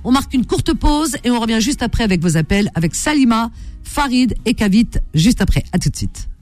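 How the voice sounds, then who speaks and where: A woman's voice: on the high side, lively intonation, fairly quick, darkish tone, faint music behind. A woman hosting a late-night radio call-in show, chatty and full of fillers. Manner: chatty, filler-heavy, lots of hein and euh.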